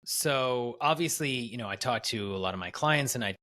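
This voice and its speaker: A man's voice: mid-range voice, lively intonation, moderate pace, pushed and bright. A man hosting a podcast interview as a coach, talking in an enthusiastic, rambling way with many restarts. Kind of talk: casual interview.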